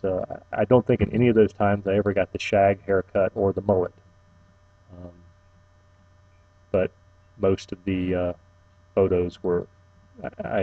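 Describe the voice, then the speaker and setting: A middle-aged man giving an informal, personal eulogy, tenderly reminiscing in a halting, faltering way with long pauses. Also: deep voice, vocal fry, no room sound, lo-fi sound.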